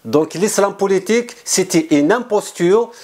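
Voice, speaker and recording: A man with a high-sitting, animated voice that's a little slow and a little mellow answers interview questions as an author. He's earnest and insistent, often restarting and repeating words, and French is not his first language.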